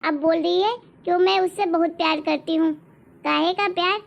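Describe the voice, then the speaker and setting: A woman's voice: very high voice, fairly even intonation, moderate pace, creaky, exaggerated voice. A woman voicing a stern old grandmother who scolds her granddaughter and favors her grandson. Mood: scornful. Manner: harsh, scolding. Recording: dull lo-fi recording.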